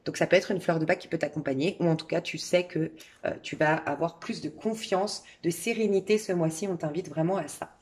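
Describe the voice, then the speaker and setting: Husky-voiced woman giving a calm tarot reading. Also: fairly low pitch, a little fast. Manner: calm, intimate, addresses listener directly with many fillers. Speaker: tarot reader. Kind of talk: spoken tarot and crystal reading.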